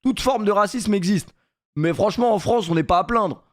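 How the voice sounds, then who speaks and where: A man's voice: sits high, moderate pace. A young man streaming live, reacting to a video with mocking, slangy jokes. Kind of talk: casual live reaction commentary.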